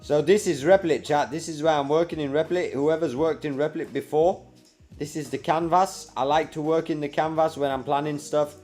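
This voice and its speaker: A young man hosting a casual live stream, reading and answering viewer comments by name in a relaxed, chatty way. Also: on the high side, moderate pace, soft background music.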